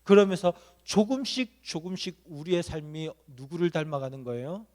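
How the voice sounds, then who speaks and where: A man's voice: on the high side, normal speed, darkish tone. A man preaching at a middle school church service. He asks the students questions and answers them himself, and he acts out an inner voice speaking to them. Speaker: youth pastor.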